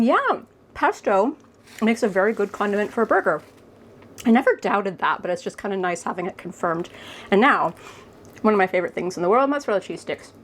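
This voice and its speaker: A woman's voice: medium pitch, a little hiss or hum. A woman food vlogger chatting enthusiastically during an on-camera taste test, sometimes talking while she chews.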